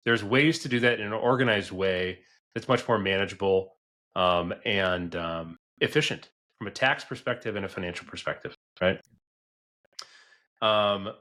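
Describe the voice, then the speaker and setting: A forty-year-old man, a business advisor hosting a podcast, speaks in a voice on the low side with a fairly bright tone. He comes across conversational, earnest and emphatic, often adding "right?" to check in.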